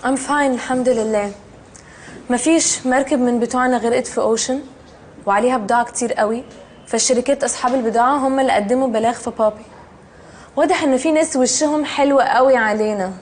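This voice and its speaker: A woman's voice: on the high side, fast talker, darkish tone, a little hiss or hum, natural voice. An actress with an Egyptian accent playing a spoiled young daughter in a film comedy, who drops English words into her speech. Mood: worried. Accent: Egyptian Arabic.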